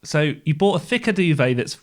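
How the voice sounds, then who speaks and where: A man's voice: a little high, animated, a little fast. A man, co-hosting a podcast in a studio, chatting and teasing in a playful way. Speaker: podcast co-host. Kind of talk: casual chat.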